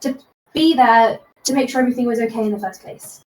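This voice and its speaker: A woman's voice: fairly high pitch, fast, voice pushed down, lightly acted. A woman voicing a stern, suspicious young man in his twenties who questions pointedly and sarcastically. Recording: echoey room with faint noise.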